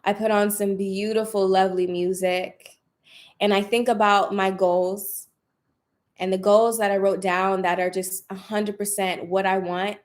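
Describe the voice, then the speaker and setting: A woman's voice: medium pitch, little pitch movement, unhurried. Woman giving an emphatic motivational pep talk. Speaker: self-help coach, vlogger. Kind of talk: casual motivational talk to viewers. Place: room at home.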